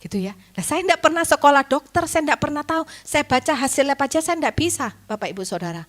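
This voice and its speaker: A woman's voice: sits high, expressive, fast. A woman pastor, giving a testimony sermon in a storytelling way, dropping to a near whisper when she quotes the doctor. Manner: storytelling, quoting the doctor in a hushed voice and herself more loudly. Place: church.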